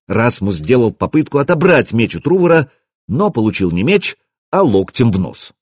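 Man, audiobook narrator, husky, expressive, dry recording. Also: medium pitch, normal speed, no echo. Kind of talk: first-person audiobook narration.

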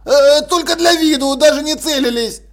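A man's voice: very high-pitched, moderate pace, vocal fry, voice pushed up. A man voicing a frightened male leader of a band of thieves, stammering and pleading. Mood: whining.

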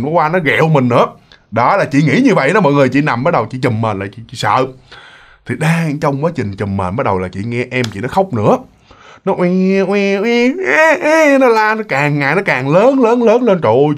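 A man telling a ghost story casually, animated and full of exclamations and fillers. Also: on the high side.

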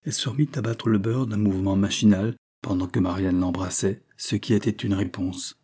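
A man with a low, mellow voice reads a novel aloud. He keeps a measured, even storytelling pace. His tone is slightly husky throughout. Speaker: audiobook narrator. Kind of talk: scripted narration of a novel.

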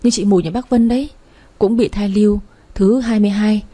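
A woman's voice: medium pitch, steady tone, fairly quick, warm tone, close to an everyday voice. A woman voicing a caring older mother who scolds her daughter fondly on the phone.

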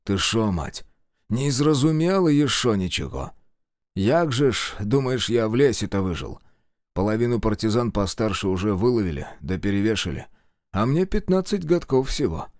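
A man voicing a gruff, curt fifteen-year-old village sorcerer in an audiobook. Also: on the low side, sing-song, moderate pace, darkish tone, dry recording, studio quality. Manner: gruff, curt, rural dialect. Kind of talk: audiobook character voice.

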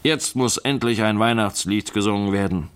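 A man voicing a hearty older country host in a radio reading, with raised, lively, festive calls. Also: fairly low pitch, normal speed, clear, resonant tone, lightly acted. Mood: jovial. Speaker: host of the house.

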